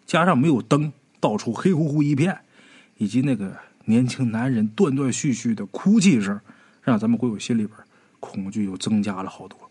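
A man narrating a ghost story in a dramatic, animated storytelling manner. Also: mid-range voice, normal speed, husky.

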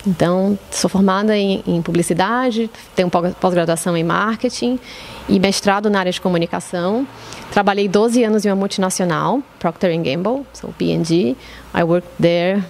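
A woman's voice: lowish voice, moderate pace, gravelly, darkish tone, slight background noise. A woman in her late thirties with a Brazilian accent, answering conversationally as a podcast guest. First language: Portuguese. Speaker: podcast guest, social media coordinator.

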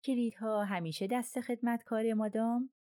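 A woman's voice: on the high side, fairly even intonation, mellow, dry recording, clean studio sound, voice pushed up, close to an everyday voice. A woman reading the part of a polite, thoughtful middle-aged male detective in an audiobook, speaking courteously and musingly. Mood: polite questioning.

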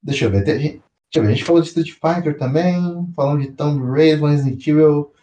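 A man co-hosting a podcast in casual chat, slangy and animated, often repeating himself. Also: fairly high pitch, fairly quick, roomy sound. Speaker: podcast co-host.

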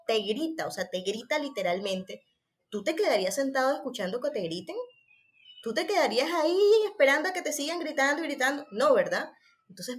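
A woman psychologist, talking as a podcast guest and acting out the parents and children she quotes. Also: mid-range voice.

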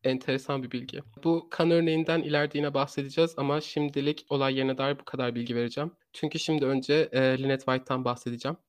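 A man's voice: medium pitch, fairly even intonation, quick pace, hardly any pauses, no room sound. A man hosting a true crime podcast in a conversational way, often repeating and rephrasing his sentences as he searches for words.

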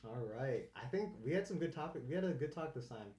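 A man's voice: mid-range voice, lively intonation, quick pace, mellow. A young man co-hosting a podcast in easy casual chat, laughing often. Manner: laid-back, laughs often. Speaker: podcast co-host. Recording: echoey room.

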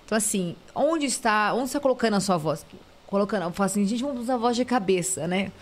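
A woman, a voice therapist, talks through her cases in a relaxed podcast chat. She makes her points with lively, concrete examples at a moderate, everyday pitch. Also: fast. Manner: explains with vivid examples. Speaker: voice therapist guest.

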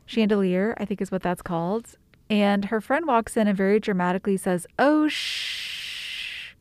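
A woman's voice: medium pitch, brisk, a little mellow, clear, resonant tone, no echo. Chatty woman podcast co-host, dry sound. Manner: chatty, full of fillers and restarts. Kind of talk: casual chat.

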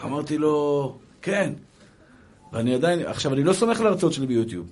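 A man's voice: a little high, sing-song, a little mellow, some chatter behind. A man giving a religious lecture, telling stories emphatically and calling his listeners brothers. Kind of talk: Hebrew sermon with anecdotes.

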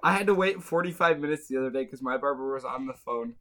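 A man's voice: mid-range voice, fast, a bit bright. A young man chatting with friends on a podcast, making wry teasing remarks. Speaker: podcast co-host. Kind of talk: casual group chat.

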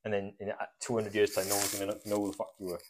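A man's voice: fairly low pitch, monotone, very fast, background noise. A man, co-hosting a casual chat and musing about life in a rambling, sweary way. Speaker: podcast co-host.

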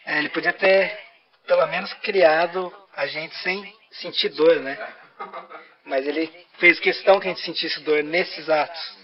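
In a podcast studio, the Brazilian co-host bantering casually plays a programmed machine through a half-robotic voice filter, teasing and reading donations aloud. He sounds a little high and a little slow, with a steady tone and dull audio.

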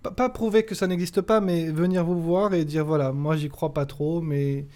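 A man's voice: a little high, fairly even intonation, moderate pace, dark tone. A man co-hosting a podcast, asking casual interview questions in a hesitant way and rephrasing as he goes. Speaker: podcast co-host.

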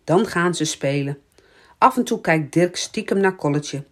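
A woman reading a children's book aloud, in a slow, lively storytelling voice. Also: lowish voice. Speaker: storybook reader.

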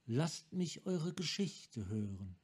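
A man voicing a calm, wise female monk who leads her clan, speaking softly and with measure, in a fan audiobook reading. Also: fairly high pitch, husky, exaggerated voice. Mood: serene. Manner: soft, measured.

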